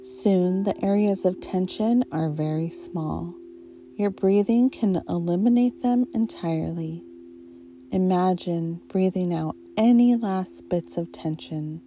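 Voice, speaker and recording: Very slow, mellow hypnotist-like woman. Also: on the low side, slight background noise. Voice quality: soft, mellow. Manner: slow, soothing, hypnotist-like delivery with long pauses. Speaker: guided meditation narrator. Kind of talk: guided relaxation meditation.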